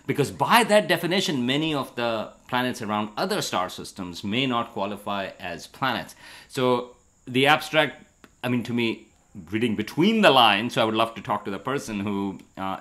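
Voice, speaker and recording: A middle-aged astronomy educator and show co-host speaks in a casual science conversation, with a handheld interview microphone held out to him. His voice is medium-pitched and a bit bright. He sits at a table in a bright indoor room.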